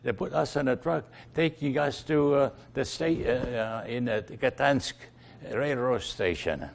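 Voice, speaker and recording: Older man, from Estonia, Estonian native speaker, gravelly voice, hesitant storytelling, frequent fillers. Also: medium pitch. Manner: halting, many fillers and restarts. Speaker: interviewee. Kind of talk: oral history recollection.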